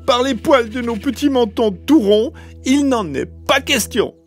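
A man voicing stubborn little pigs in a children's storybook, in a squeaky high voice over music. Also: lively intonation, measured pace, full character voice. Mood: defiant. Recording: music playing underneath.

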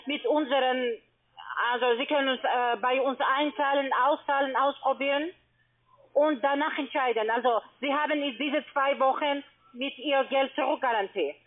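Over the phone, a woman with a non-native German accent tries to sell trading as a call-centre agent. She speaks haltingly, circling back to repeat and reword her points. The narrow-band line sounds thin and tinny.

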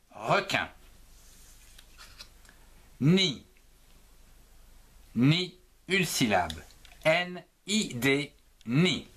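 A man gives a children's lesson on syllables, spelling each word out letter by letter at a very slow pace. His pitch rises and falls in a lively way, and his tone is bright with a breathy edge.

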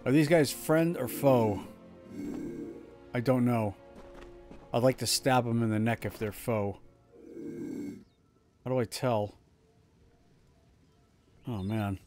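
Speaking slowly with long pauses, a man in his thirties jokes about his own gaming while streaming from home, restarting often in his chatty commentary. His voice is medium in pitch with a darkish tone, and faint music plays behind it.

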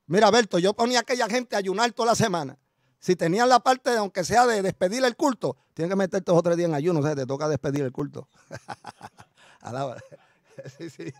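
High-voiced Puerto Rican preacher. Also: male voice, dry recording, clean studio sound. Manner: animated storytelling preacher, chuckles, addresses congregation as brother. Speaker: pastor. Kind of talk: sermon.

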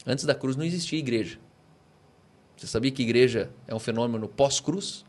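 A man's voice: mid-range voice, a little fast. A man with a Brazilian Portuguese accent, a pastor and podcast guest, explaining his views with emphatic rhetorical questions. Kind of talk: conversational preaching.

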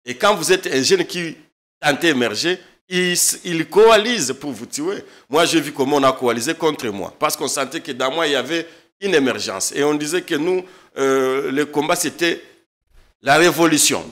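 Speaking at a moderate pace in a slightly high, fairly bright voice, this thirty-something lawyer from eastern Congo makes impassioned, emphatic points as a studio guest on a political show, frequently repeating himself. A desk microphone records him.

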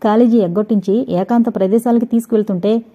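A woman reading a spirited young college girl in a storybook reading, with a dark, mellow voice that snaps into quick, indignant scolding. The recording sounds dull and lo-fi. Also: fairly high pitch, steady tone.

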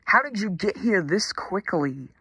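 A man voicing a loud, exasperated male train driver who shouts at his engine. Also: high-pitched, expressive, unhurried, gravelly, husky, no echo, voice pushed up, full character voice.

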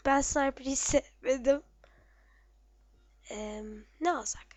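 A woman giving casual, excitable commentary on her own gameplay, muttering to herself and shouting at enemies. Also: high-pitched, slow pace, no echo.

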